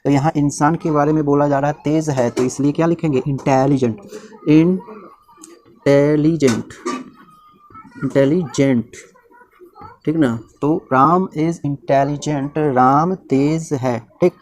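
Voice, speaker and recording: A man teaching English translation. He asks the listener questions and then answers them himself, repeats each example slowly, and keeps checking in with "theek na". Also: fairly high pitch, a little mellow, a little hiss or hum. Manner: says "ठीक ना" often as a check-in. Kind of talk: classroom-style lesson, Hindi explanation.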